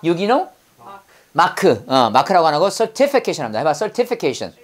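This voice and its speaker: Animated woman teacher drilling vocabulary. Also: low voice, normal speed. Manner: drills students with call-and-repeat prompts; playful memory-trick explanations. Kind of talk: classroom vocabulary lesson.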